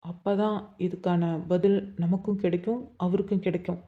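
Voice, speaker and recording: A woman's voice: high voice, normal speed, lightly acted. A woman voicing a curious, probing young man in a storybook cartoon, often thinking aloud. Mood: hushed. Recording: dull lo-fi sound.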